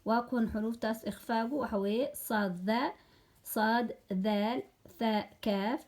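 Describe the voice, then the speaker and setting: A woman's voice: on the high side, steady tone, very slow, darkish tone. Woman teaching a recitation lesson. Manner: mixes classical phrases with explanations, self-corrects counts. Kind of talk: religious lesson explaining rules.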